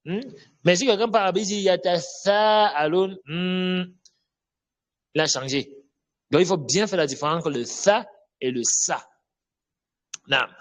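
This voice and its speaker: A man teaching Quran recitation, slowly repeating letter sounds and checking in with listeners. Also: fairly high pitch, fairly bright tone. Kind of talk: spoken lesson on Arabic letter pronunciation.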